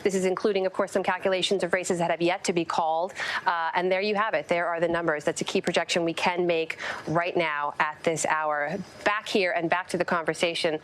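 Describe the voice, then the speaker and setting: A woman news anchor reads projections and steers a live broadcast with polished, formal briskness. Her voice sits a little low, and a faint hiss runs underneath it. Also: steady tone, a bit bright.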